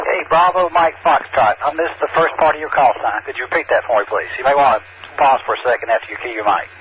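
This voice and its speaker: A man's voice: mid-range voice, quick pace. Man running a ham radio net over static. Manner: steady, procedural, reads call signs back. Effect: radio transmission with static. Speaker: net control operator. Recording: muffled radio audio with faint static.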